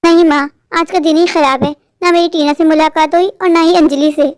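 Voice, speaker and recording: A woman's voice: high voice, fairly even intonation, a little fast, dry recording, close to an everyday voice. A woman voicing an eager, lovestruck young male crow in a cartoon, speaking in a pleading way. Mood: anxious. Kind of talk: cartoon voice acting.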